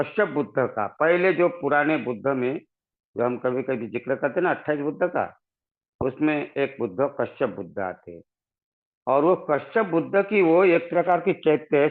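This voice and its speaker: A man giving a storytelling Buddhist talk over a crackly phone line that cuts out, speaking haltingly with many restarts. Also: on the high side. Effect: crackly, cutting-out phone line. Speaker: Buddhist teacher. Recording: tinny phone call.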